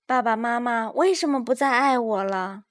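A woman's voice: on the high side, moderate pace, lightly acted. A woman voicing a small, anxious little boy who keeps asking questions in a children's story. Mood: wistful.

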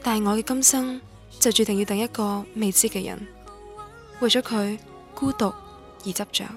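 With music in the background, a woman speaking Guangdong-accented Cantonese narrates memories as a lonely young student in a radio drama, her tone wistful, reflective and literary. Her medium-pitched voice sounds natural and steady, at a moderate pace.

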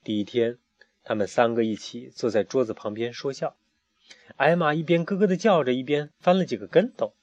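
A man reading a children's picture book aloud, drawn-out phrasing with fillers, on a muffled recording. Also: mid-range voice, dry recording. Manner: warm, drawn-out, with hesitation fillers. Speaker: storyteller.

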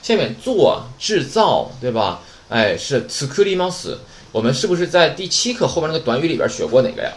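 A man's voice: on the high side, very animated, a little fast. A man teaching a Japanese vocabulary lesson, chatty and joking, often asking rhetorical questions. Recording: roomy echo, faint background noise.

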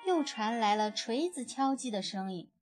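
A woman reading a children's picture book aloud in an expressive storytelling manner. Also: a little high, moderate pace, faint music behind.

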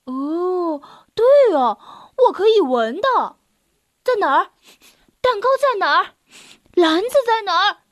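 A woman's voice: very high-pitched, big pitch swings, takes it slowly, pauses often, no room sound, studio quality, heavily acted. A woman voicing a boastful, cowardly, hungry male wolf in a children's storybook, blustering and whining. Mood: whiny. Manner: blustering and whiny.

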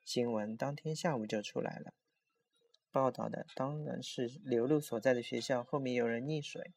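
A man narrating a scripted horror story in a steady storytelling voice. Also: medium pitch, slightly rough.

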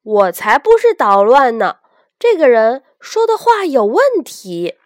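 A woman's voice: high voice, sing-song, a little slow, no echo, studio quality. A woman voicing a bold, cheeky little boy in a children's storybook reading, talking up confidently. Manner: bright, confident, questioning.

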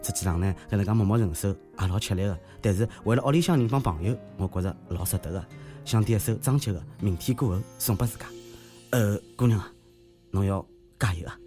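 A man's voice: fairly low pitch, fast, warm tone, soft background music. A man with a Shanghai accent hosting a podcast, giving humorous news commentary in a joking, teasing manner. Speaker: host of a comedy news podcast.

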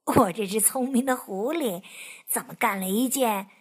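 A woman's voice: on the high side, normal speed, slightly rough, pitched below the performer's own voice. A woman voicing a hungry, sly male fox in a storybook, stammering and grumbling to himself. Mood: musing.

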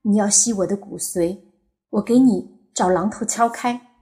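A woman's voice: medium pitch, unhurried, warm tone, close to an everyday voice. A woman voicing an eager grown man courting a woman, pleading and easily flustered, in an audiobook. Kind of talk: audiobook character voice.

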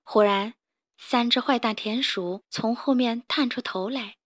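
A woman narrating a children's story in a gentle, clear storytelling voice. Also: on the high side, measured pace, no echo.

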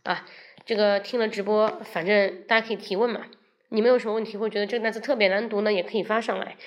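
A woman from China hosting a casual livestream English lesson, chatting with viewers, switching between Chinese and English and slowly repeating words to show how they sound. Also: medium pitch, fairly even intonation, muffled recording. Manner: addresses viewers directly and invites questions.

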